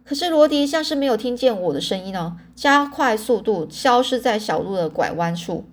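Woman narrator, storybook reading, animated delivery, fairly high voice. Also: normal speed. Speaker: audiobook narrator. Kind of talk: first-person storybook narration.

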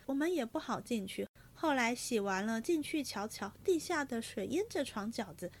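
A woman reading aloud and voicing a fiery, sharp-tongued young maid with quick, petulant retorts. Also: on the high side, lively intonation. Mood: teasing.

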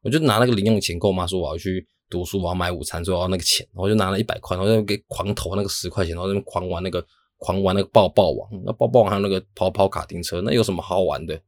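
A man's voice: deep voice, no echo. A young man, telling a rambling, self-mocking story in a casual monologue. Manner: rambling, self-mocking, talks fast with many restarts. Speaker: podcast host.

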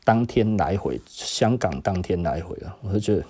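A middle-aged man, hosting a podcast and casually telling stories from his own life, tagging his phrases with a drawn-out "hm" particle and chuckling as he goes. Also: deep voice, lively intonation, warm tone, breathy edge. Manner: tags nearly every phrase with a drawn-out "hm" particle and chuckles often. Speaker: podcast host. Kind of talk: casual personal storytelling.

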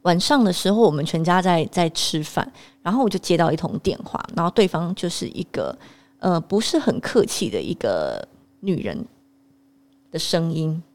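A young woman telling a personal story to camera, animated and exasperated. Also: fairly low pitch, normal speed. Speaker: vlogger.

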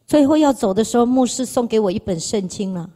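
Fast-talking and slightly high, with a mellow tone and lively intonation, a Taiwanese Mandarin-accented woman shares her testimony with emotion. The church hall echoes as she tells her story repetitively and addresses those listening.

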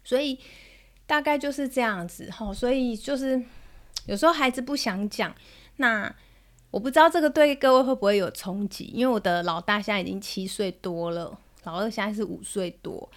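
A woman in her thirties with a Taiwanese Mandarin accent, hosting a parenting podcast and telling a story about her child in a gentle manner. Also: on the high side, normal speed. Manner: gentle, soothing when quoting herself to her child. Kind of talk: storytelling monologue.

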